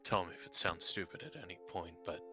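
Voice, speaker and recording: A man playing a focused, respectful military squad leader in a tabletop game, speaking in a deliberate, halting way. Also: deep voice, over music, close to an everyday voice. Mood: focused, commanding.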